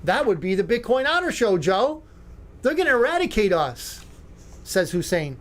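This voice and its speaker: With big swings in pitch and a notably high voice, this man hosts a talk-radio show at a normal speed. His remarks drip with sarcasm and mockery, and he rambles through fillers and restarts.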